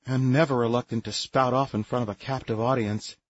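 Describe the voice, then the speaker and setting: A man voicing a calm, sensible female adjutant who explains things patiently. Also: mid-range voice, fairly quick, lo-fi sound, pitched above the performer's own voice, lightly acted.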